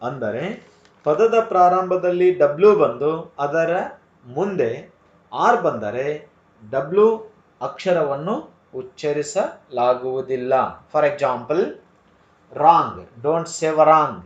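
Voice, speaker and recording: A man with a Kannada accent teaching English pronunciation, speaking slowly and repeating each word to drill it. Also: on the high side, animated. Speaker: English tutor. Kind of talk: slow spoken English lesson. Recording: echoey room, dull lo-fi sound.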